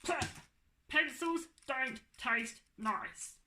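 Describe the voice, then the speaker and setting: A woman voicing a cheeky, hungry puppet creature boy, talking in a squeaky, silly way. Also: bright, forceful tone, echoey room, slight background noise, heavily acted. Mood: playful. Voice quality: squeaky, high cartoonish voice. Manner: silly, greedy, quick to sulk.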